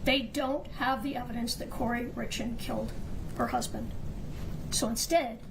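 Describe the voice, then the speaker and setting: A woman defense attorney giving an earnest, deliberate closing argument to a jury in a courtroom. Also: on the high side, very animated. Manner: earnest, pleading, deliberate address. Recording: noisy courtroom broadcast feed.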